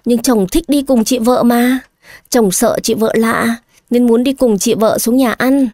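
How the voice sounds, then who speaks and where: A woman's voice: fairly high pitch, measured pace, darkish tone, no echo, studio quality. A woman voicing a simple-minded grown man who talks like an eager, clingy child, in an audio story. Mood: childlike eager. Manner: childish pleading tone.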